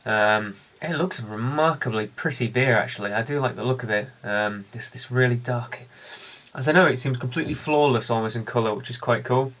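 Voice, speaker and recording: A man's voice: medium pitch, fairly quick, a bit bright. A man hosting a casual beer review, chatting and telling a story with lots of ums and uhs.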